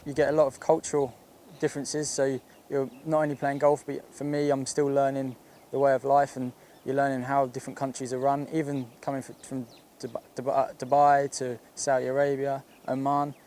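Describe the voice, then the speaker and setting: Man, golfer, flat even delivery, reflective, faint background noise. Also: mid-range voice, normal speed. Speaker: professional golfer. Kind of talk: interview answers.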